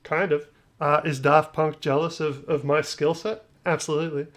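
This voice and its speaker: A man hosts a music production tutorial in a slightly high, fairly bright voice with little pitch movement and a moderate pace. The screen-share chat is casual and loose, joking and slangy, with phrases that trail off.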